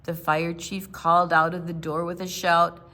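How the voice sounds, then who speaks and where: In a lowish voice, a woman acts out a rhyming children's book in lively storytime fashion. She stretches out dramatic pauses and punches certain words for effect.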